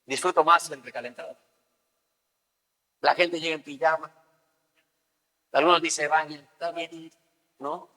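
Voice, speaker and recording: A man's voice: on the high side, fairly even intonation, unhurried, pauses often, sharp tone. A man preaching a sermon as pastor, talking conversationally and acting out everyday scenes. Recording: long reverb of a large hall.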